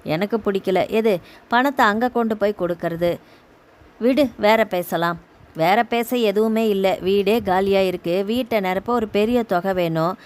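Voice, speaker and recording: A woman's voice: medium pitch, measured pace, darkish tone, lightly acted. A woman reading as a demanding, possessive young woman. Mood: bitter. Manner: demanding, insistent. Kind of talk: audio novel reading.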